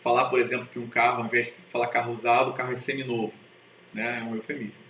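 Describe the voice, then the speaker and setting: Casual Brazilian teacher in an echoey room. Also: male voice, mid-range voice, fast talker, lo-fi sound, a little hiss or hum. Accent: Brazilian Portuguese. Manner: casual, lively, asks checking questions. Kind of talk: exam-prep lesson.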